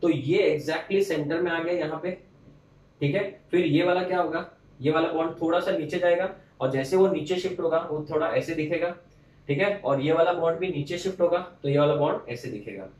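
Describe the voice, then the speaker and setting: Male teacher, fairly high voice, quizzing his class and answering for them; roomy, distant mic. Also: brisk, darkish tone. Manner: explains step by step, quizzes the students and answers for them. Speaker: chemistry teacher. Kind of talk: classroom lecture.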